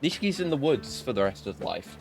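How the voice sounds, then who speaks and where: Guy streaming a game, reads lines out and jokes around, lively up n down voice, music behind him. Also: medium pitch, quick pace, vocal fry. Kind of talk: casual playthrough commentary, reading game dialogue aloud.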